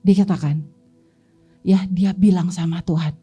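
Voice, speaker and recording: A woman's voice: on the low side, unhurried, breathy edge, soft background music. A woman Sunday school teacher with an Indonesian accent, telling children a Bible story and asking them questions along the way. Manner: lively, asks the children questions and answers them.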